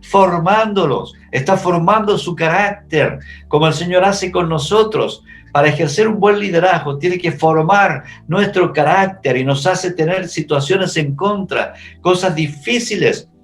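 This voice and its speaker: A man's voice: high-pitched, measured pace, hardly any pauses, faint music behind. A man, a pastor teaching a Bible study class, telling the story vividly as he imagines the scenes.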